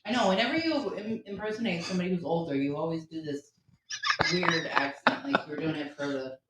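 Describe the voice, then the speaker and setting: A woman's voice: on the low side, brisk. A woman co-hosting a casual talk radio show, chiming in with dry, teasing remarks. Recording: echoey room with faint noise.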